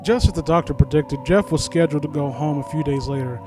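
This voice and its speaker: Talking fast in a fairly high voice, this story critique series host reads a story and critiques it bluntly and casually, often stammering, rephrasing, and swearing some. Music plays behind him, and his new handheld microphone is kept at an uneven distance, so his voice sometimes drifts soft.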